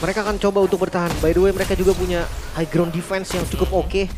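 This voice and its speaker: A man's voice: high-pitched, level tone, fast, noisy background. An Indonesian man giving live game analysis as an esports commentator. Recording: music behind the voice. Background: music.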